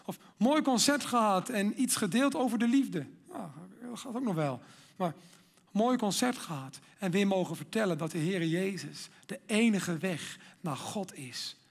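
A man giving a sermon, earnest and emphatic, building up to loud exhortation. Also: high voice, expressive, unhurried, creaky.

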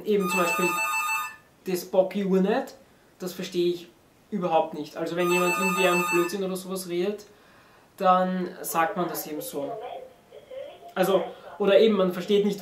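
A young man, in his teens or barely older, explaining informally and haltingly to a camera across a room. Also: high-pitched, little pitch movement, heavy background noise. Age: teenager to young adult. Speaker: presenter explaining dialect words. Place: small home room indoors, on a sofa. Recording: roomy, distant from the microphone.

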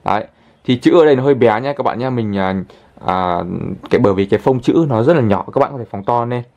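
A man hosting a casual app tutorial, chatting his way through each step and filling pauses with little pointer words. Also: mid-range voice, animated, darkish tone, lo-fi sound. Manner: chatty, fills pauses with constant "đấy" and "đây". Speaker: channel host, tutorial presenter.

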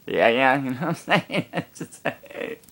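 A young woman telling a story to her phone camera in a casual vlog, animated and exasperated, swearing freely. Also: a bass voice, measured pace, breathy edge. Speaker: vlogger.

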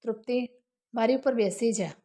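A woman's voice: fairly high pitch, normal speed, dark tone, close to an everyday voice. A woman doing an earnest young husband. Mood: urgent. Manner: earnest, reassuring.

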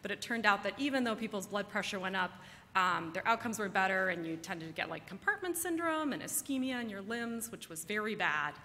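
A medical researcher lectures at a medical conference in a large indoor presentation room, keeping it conversational and engaging her audience with questions. Her mid-range voice is sing-song, bright and forceful, and she speaks fairly quickly. The hall is reverberant, with clear background noise.

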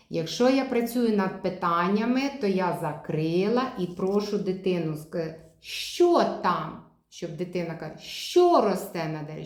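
A woman speech therapist giving a chatty demonstration lesson, showing toys as she explains and modeling syllables with slow, stretched repetition. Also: on the low side. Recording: echoey room.

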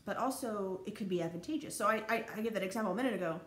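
A woman's voice: medium pitch, rapid-fire. Chatty woman lecturing in an echoey room. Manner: casual, rambling, many fillers and restarts. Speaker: college anthropology instructor. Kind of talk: recorded lecture over slides. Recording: echoey room, faint background noise.

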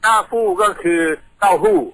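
A man's voice: normal speed, a bit bright, poor audio. A man from Thailand, a radio guest patiently explaining things in a studio, telling them like a story.

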